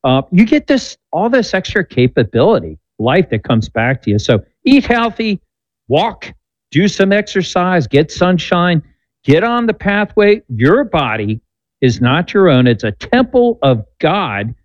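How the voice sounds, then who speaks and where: A man's voice: fairly high pitch, very animated, measured pace, no echo. Upbeat man in his sixties giving advice. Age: 60s. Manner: upbeat, coaching, preachy at times. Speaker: doctor guest answering callers. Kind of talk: call-in show advice. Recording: dull slightly lo-fi sound.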